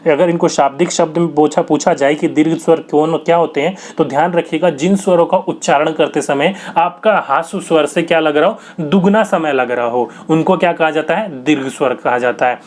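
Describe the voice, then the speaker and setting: A man's voice: a little high, brisk, few pauses. A young man teaching a grammar lesson for exam prep, asking questions and answering them himself in a patient, repetitive way.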